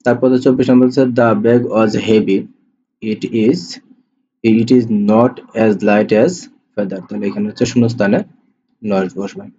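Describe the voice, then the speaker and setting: Reading exam questions aloud and then restating each answer, this Bangladeshi tutor speaks at a measured pace. His voice is fairly low, steady and mellow, captured in a dull lo-fi recording with faint hiss.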